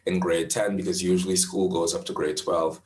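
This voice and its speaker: A Bahamian man in his twenties, a professional astrologer answering interview questions in a thoughtful, measured way, often restarting his phrases. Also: low voice, flat delivery, reverberant. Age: 20s.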